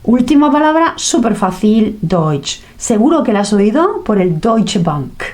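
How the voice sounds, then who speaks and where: A woman leads a language lesson at an unhurried pace, taking her time over each word. She keeps it playful, acting out sounds and small reactions to make the words stick. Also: medium pitch, sing-song, darkish tone. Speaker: language teacher. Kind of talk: teaching lesson.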